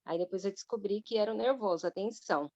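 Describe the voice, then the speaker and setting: A Brazilian woman tells her personal testimony to a church women's group. She narrates in a lively way and keeps slipping into the voices of the people in her story. The recording is dull, dry and lo-fi. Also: medium pitch, fast talker, no echo. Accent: Brazilian Portuguese. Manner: lively storytelling full of reported speech.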